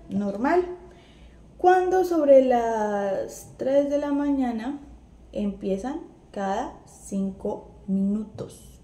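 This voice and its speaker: Speaking in a mid-range voice, this young Colombian-accented vlogger chats casually through a personal story, animatedly acting out others' quotes. The room is echoey, with faint ambience and slight hiss or hum.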